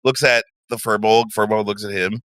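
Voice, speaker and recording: A man runs a tabletop game in a bright, forceful voice that sits a little low. He narrates scenes dramatically and swears freely. The recording is dry and close. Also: fairly even intonation, normal speed, clear, resonant tone, no room sound. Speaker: game master.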